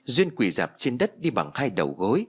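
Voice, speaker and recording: Husky guy reading a ghost story, voice goes up and down a lot. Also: mid-range voice, normal speed. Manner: expressive storytelling. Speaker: audiobook narrator. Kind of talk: storytelling narration.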